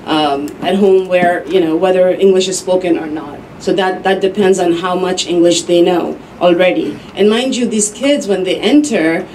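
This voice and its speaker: A woman giving a measured, explanatory talk as a speaker at an academic roundtable. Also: on the low side, a little mellow, a little hiss or hum, low-quality recording. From United States. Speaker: panel speaker.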